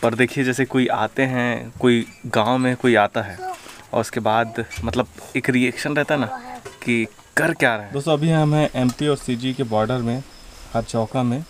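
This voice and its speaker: A young man from Chhattisgarh, talking into a phone camera held at arm's length as he walks through a village and asks people quick, curious questions. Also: mid-range voice, steady tone. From Chhattisgarh, India. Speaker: travel vlogger. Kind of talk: casual walking vlog with interviews. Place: outdoors in a rural village.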